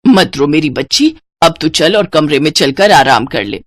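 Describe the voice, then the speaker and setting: A woman voicing a stern, short-tempered older mother-in-law in a storybook tale, speaking lower and scolding. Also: normal speed, a bit bright, dry recording, lightly acted. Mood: doting. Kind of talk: storybook voice acting.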